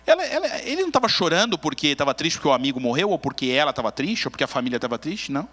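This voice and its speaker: Brazilian pastor preaching in a reverberant church. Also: male voice, on the high side, rapid-fire. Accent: Brazilian Portuguese. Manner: animated storytelling, acting out the characters. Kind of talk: sermon. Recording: long reverb in a large church.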